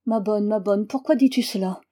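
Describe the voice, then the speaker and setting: A woman's voice: mid-range voice, moderate pace, warm tone, natural voice. Brief: timid tearful girl from a read-aloud novel, done by a woman narrator. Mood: plaintive.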